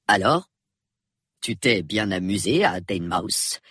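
A man voicing a tired older colonel in an audiobook, hesitant and falsely hearty, lower and quieter than his narration. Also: big pitch swings, a little slow, slightly rough, dry recording, studio quality, exaggerated voice. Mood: evasive. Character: weary older colonel, man, forced cheer. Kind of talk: audiobook character voice.

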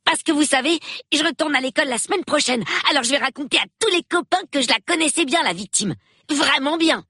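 A man's voice: very high-pitched, bright, forceful tone, no room sound, studio quality, pitched above the performer's own voice. A man voicing an eager, chatty boy of about nine in a storybook reading. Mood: excited. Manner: eager, rapid, gossipy.

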